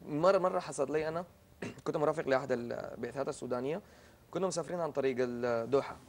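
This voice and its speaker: Gravelly fast-talking Sudanese guest. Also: male voice, a little high. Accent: Sudanese Arabic. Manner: tells a personal story, searching for words. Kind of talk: anecdotal conversation.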